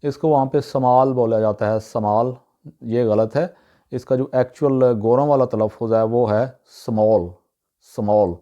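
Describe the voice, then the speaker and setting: Man, mid-pitched voice, dark mellow tone, casual pronunciation lesson, muffled lo-fi audio. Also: steady tone. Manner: explains word by word, repeats each pronunciation twice, frequent "uh" pauses. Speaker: channel host teaching English pronunciation. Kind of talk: casual spoken lesson to camera. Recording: dull, muffled lo-fi sound.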